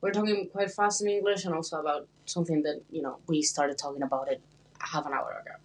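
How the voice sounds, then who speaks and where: A woman's voice: low-pitched, steady tone, fast talker. A young woman co-hosting a podcast, chatting casually, laughing often and acting out quoted exchanges. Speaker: podcast co-host. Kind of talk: casual chat.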